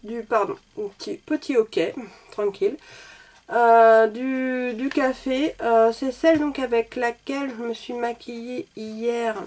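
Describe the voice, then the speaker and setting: A woman's voice: a little high, fairly even intonation, a little slow, a little mellow. A woman reviewing makeup in a chatty, self-deprecating way, a little sick and coughing now and then. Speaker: beauty vlogger.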